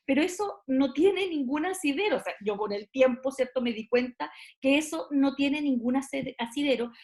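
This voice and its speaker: A woman lectures students over a computer mic on a video call. Her voice sits high, and she talks in a loose, explanatory way, padding her sentences with fillers and little tag questions. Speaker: university lecturer. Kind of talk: online class lecture.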